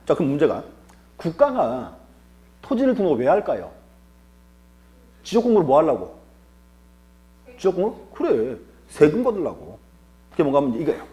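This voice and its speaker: Guy teaching an exam-prep class, lively up-and-down pitch, mellow dark tone, keeps quizzing then answering himself. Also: a little hiss or hum. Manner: rhetorical questions he answers himself; repeats key terms with emphasis. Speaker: lecturer.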